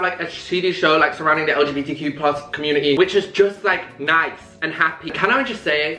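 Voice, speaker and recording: A man's voice: a little high, sharp tone, echoey room. A British man in his twenties chatting to camera in a camp, playful, self-mocking way while eating. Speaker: vlogger. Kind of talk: casual chat to camera. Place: indoor room with an open window.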